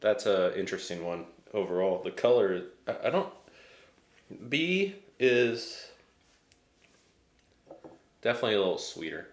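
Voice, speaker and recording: A man's voice: sits low, lively intonation, unhurried, pauses often, reverberant. An American man chatting casually as he reviews a tasting, hesitant and thinking aloud. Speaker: whiskey reviewer.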